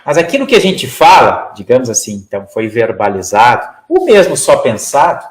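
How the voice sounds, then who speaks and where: A man's voice: medium pitch, wildly swooping pitch, moderate pace, reverberant, poor audio. Didactic man giving a spiritist talk. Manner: didactic, acts out example phrases, many "né?" tags. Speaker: spiritist lecturer.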